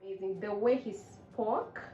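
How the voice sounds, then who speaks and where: A woman in her late twenties from Uganda hosting a casual couple's chat, bubbly and expressive. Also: mid-range voice, echoey room, far from the mic, lo-fi sound, soft background music. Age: 20s. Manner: bubbly, expressive, quick to laugh. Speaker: host.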